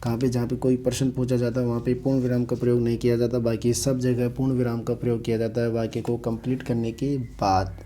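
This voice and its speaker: Flat-voiced man teaching grammar online. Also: mid-range voice, fast, hardly any pauses, slight background noise. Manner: repetitive, explanatory, rhetorical questions to the class. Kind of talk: online exam-prep lesson.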